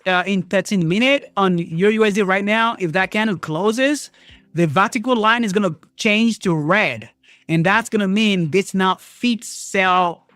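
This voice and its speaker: Excitable high-voiced man trading live. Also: no room sound, clean studio sound. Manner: excitable, swears, thinks aloud, swings between loud outbursts and low mutters. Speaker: trading livestream host.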